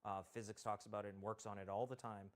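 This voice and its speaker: A man's voice: lowish voice, little pitch movement, quick pace. A man from Canada, a game developer guest on a talk show, explaining technical systems in detail and thinking aloud as he goes.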